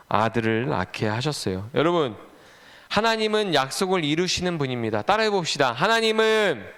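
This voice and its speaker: A man's voice: high voice, fairly bright tone. A man giving a children's sermon, telling a Bible story animatedly and quizzing the kids with questions. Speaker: children's ministry preacher.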